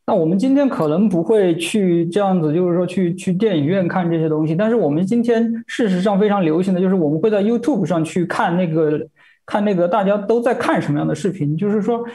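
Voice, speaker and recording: High-pitched man interpreting a sermon. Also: mellow. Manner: hesitant, many fillers and repeated words.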